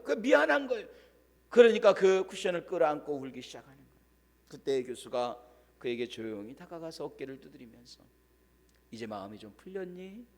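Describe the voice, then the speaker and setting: A male pastor with a high, bright voice tells a story in his sermon with dramatic flair, dropping to a hush for quoted lines. A long echo carries his words through the church sanctuary.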